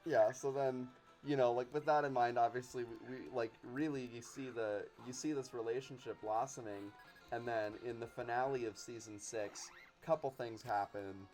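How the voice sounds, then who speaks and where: This man sounds like a podcast guest chatting casually about cartoons, enthusiastic and rambling, with game music faintly underneath. His medium-pitched voice is steady and darkish, and he speaks at a moderate pace. The audio quality is poor.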